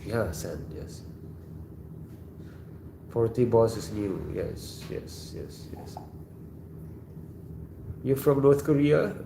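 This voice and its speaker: A man's voice: on the low side, big pitch swings, very slow, vocal fry, pauses often, dark tone, reverberant, slight background noise. A man from Indonesia hosting a casual livestream, reading viewer comments in a laid-back way and laughing often. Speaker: livestream host.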